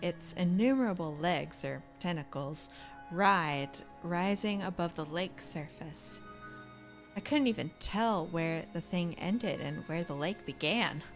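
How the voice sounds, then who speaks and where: A woman's voice: fairly low pitch, lively intonation, a little slow, soft background music. A woman reading game dialogue aloud in a theatrical manner, breaking off for casual asides.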